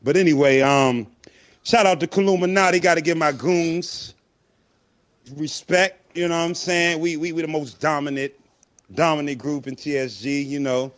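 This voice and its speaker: A man's voice: a little high, fairly even intonation, normal speed. A man guest on a casual sports talk show, talking with a boastful, drawling swagger. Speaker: podcast guest. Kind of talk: casual chat.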